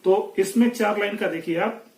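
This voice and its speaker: A man with an Indian accent teaching poetry, explaining slowly and carefully in a lesson. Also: high-pitched, a little mellow, reverberant, far from the mic, rough recording. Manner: slow explanatory, reads verse aloud slowly. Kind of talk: Hindi-English poetry lesson.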